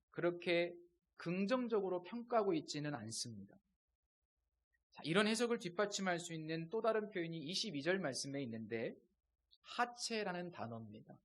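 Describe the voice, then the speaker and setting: Male pastor with a high voice, delivering a sermon with measured pauses and hushed emphasis. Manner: measured preaching with dramatic pauses and dips in volume.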